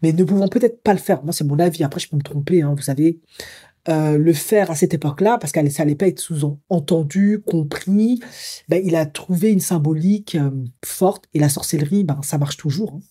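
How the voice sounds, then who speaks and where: Low, husky woman. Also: brisk, mellow. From Africa. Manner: musing and hesitant, thinking aloud with frequent fillers. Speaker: psycho-emotional coach. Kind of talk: commentary vlog, partly reading an article aloud.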